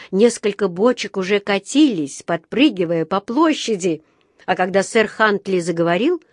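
A woman narrating a children's story in a clear, even storytelling manner. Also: mid-range voice, dry recording, clean studio sound.

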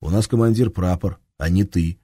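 A man voicing a calm, level-headed soldier who speaks firmly. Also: sits low, moderate pace, husky, dry recording, studio quality. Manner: calm, firm. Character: calm German male soldier, steady and convinced.

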